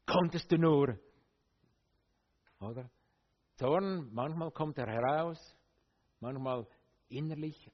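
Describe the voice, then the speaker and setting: A man preaching a sermon in a conversational, animated way, with many fillers, speaking directly to his listeners. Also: a little high, breathy edge, dull audio.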